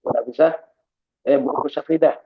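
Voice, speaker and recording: A man's voice: fairly high pitch, fairly even intonation, moderate pace, slightly rough. A man on a choppy online call whose audio keeps breaking up, checking again and again whether he can be heard. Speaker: reviewer in an online evaluation meeting. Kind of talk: video call meeting. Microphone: video call. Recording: tinny lo-fi online call line.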